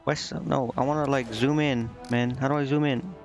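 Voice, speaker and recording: Game music plays under muffled, lo-fi stream audio as a man with a mid-range voice and vocal fry talks at normal speed in a steady tone. His commentary is casual; he reads aloud and frequently mutters to himself.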